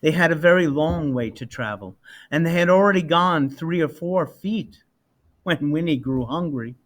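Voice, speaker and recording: A man giving an expressive, deliberate read-aloud of a children's story. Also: a little high. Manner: animated, deliberate. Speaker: storybook reader, teacher.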